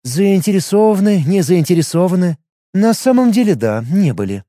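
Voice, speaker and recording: A man reading an audiobook and voicing a sharp-tongued, secretive woman healer with a brisk, guarded, commanding manner. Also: sits high, sing-song, no echo, studio quality, voice pushed up. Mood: insistent.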